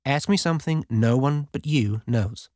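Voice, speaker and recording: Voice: medium pitch, moderate pace, darkish tone, no room sound, clean studio sound, close to an everyday voice. A narrator voicing a cheeky inner voice that speaks in a playful, matter-of-fact way. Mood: teasing.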